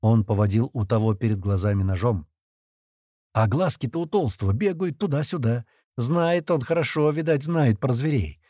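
A male narrator reads a first-person audiobook with a lively, expressive delivery. His pitch moves freely, and the recording is dry and close. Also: moderate pace, dry recording.

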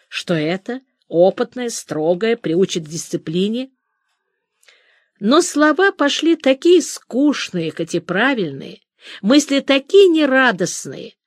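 A woman reading a story aloud as scripted narration, with expressive delivery. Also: fairly high pitch, no room sound, studio quality. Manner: expressive reading, briefly voicing the characters' quoted lines. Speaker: audiobook narrator.

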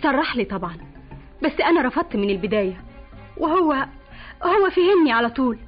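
A husky, indignant Egyptian woman. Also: high-pitched, big pitch swings, fairly quick, faint music behind, full character voice. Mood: shocked. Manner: disgusted and tearful reproach. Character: shocked, indignant young woman. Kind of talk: radio drama acting. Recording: dull old radio recording.

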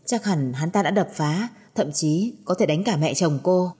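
A woman narrating a spoken audio story in an even storytelling delivery. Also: lowish voice, a little slow, husky.

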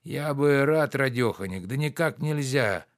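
A man's voice: medium pitch, expressive, unhurried, no room sound, studio quality, pitched above the performer's own voice, close to an everyday voice. A man voicing a stubborn old male servant who nags and mutters. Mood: nagging. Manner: coaxing, nagging, muttering.

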